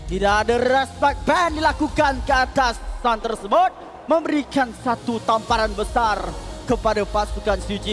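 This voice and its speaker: A man with a Malaysian accent giving emphatic, animated live analysis as an esports commentator. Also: very high voice. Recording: broadcast with loud music behind. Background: music.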